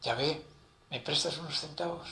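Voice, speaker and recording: A man's voice: a little high, moderate pace, creaky. Man doing a humble praying man, hesitant, pleading, echoey room. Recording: echoey room, faint ambient noise.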